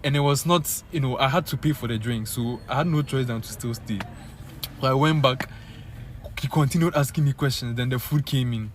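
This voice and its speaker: A young Ghanaian man with a Ghanaian accent, telling a story to his viewers in an animated, casual way full of fillers. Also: mid-range voice, a little fast, a little hiss or hum. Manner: animated, many fillers, addresses viewers as guys. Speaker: vlogger.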